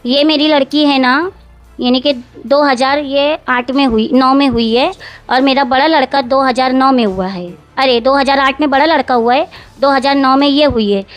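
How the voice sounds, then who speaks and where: A woman's voice: high-pitched, steady tone, normal speed, faint music behind. A woman, recounting events at length in an interview, often repeating herself and quoting others word for word. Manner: long, rambling, repeats herself, quotes others directly.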